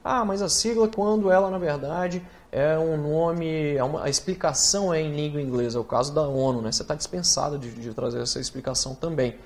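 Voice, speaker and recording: A Brazilian man teaching writing in an online course, talking straight to the student with rhetorical questions and spelling acronyms out slowly letter by letter. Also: fairly high pitch. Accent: Brazilian Portuguese. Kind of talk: recorded online lesson.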